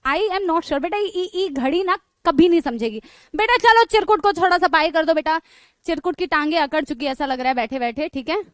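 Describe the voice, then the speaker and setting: A very high-pitched woman teacher with an Indian accent tells a story to her class in a lively, teasing way. Her voice is recorded close and completely dry, with no room sound at all. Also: normal speed, no echo. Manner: animated and playful, laughing and teasing, calls students "beta". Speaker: online teacher. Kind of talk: storytelling to students in an online class.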